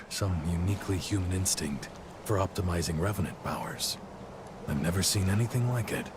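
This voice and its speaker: In a video game cutscene, an actor voices an easygoing middle-aged warrior captain who serves as an encouraging mentor. The voice is male and deep, with background noise behind it.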